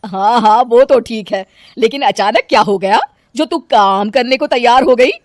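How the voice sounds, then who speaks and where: A woman voicing a sharp-tongued mother-in-law. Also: a little high, normal speed, no echo, clean studio sound, close to an everyday voice. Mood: scolding. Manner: taunting, loud scolding. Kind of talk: cartoon dub acting.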